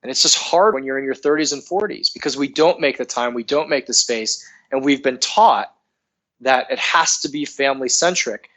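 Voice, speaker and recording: A man who is a coach and author, speaking as a podcast guest in an earnest, animated coaching tone. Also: medium pitch, normal speed, poor audio. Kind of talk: casual podcast interview.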